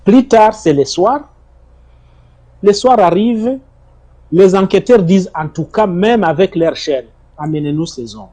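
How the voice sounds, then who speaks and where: Middle-aged man, dark husky tone, emphatic interview guest. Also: high voice, unhurried. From Congo (DRC). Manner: emphatic, repeats words and phrases. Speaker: interview guest, former detainee. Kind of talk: testimonial interview.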